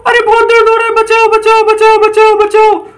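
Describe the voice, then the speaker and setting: A man voicing a greedy, whiny female witch in a toy-doll story, in a shrill, wailing, stubborn voice. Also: monotone, moderate pace, fairly bright tone. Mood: scared.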